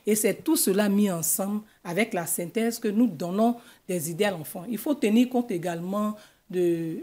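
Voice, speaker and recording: Middle-aged woman, Ivorian French accent, husky mellow voice, guidance counselor on TV, desk mic. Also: medium pitch. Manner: measured, explanatory, gestures with her hands. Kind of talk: studio TV interview. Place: TV news studio. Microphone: desk microphone.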